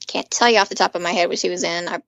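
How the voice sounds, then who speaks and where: A woman co-hosts a podcast, casually recapping an episode as an enthusiastic fan with rambling asides. Her voice is fairly low-pitched and fairly bright, with a steady tone, and she speaks very fast. The sound is lo-fi with no room sound.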